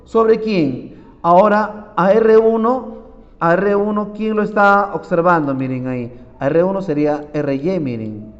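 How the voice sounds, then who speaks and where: A man with a high voice teaches physics, talking his students through problems step by step. He keeps telling them to look and asks them questions as he works. The recording is dull and muffled, with a long, lingering reverb. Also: a little slow. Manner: keeps saying "miren", quizzing students. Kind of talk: classroom lecture solving problems.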